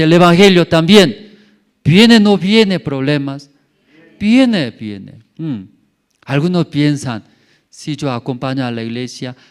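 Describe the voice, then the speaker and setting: A male pastor preaching a sermon in a church, full of rhetorical questions and repeated words, rising to loud calls and dropping to near murmurs, with some non-native grammar. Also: a little high.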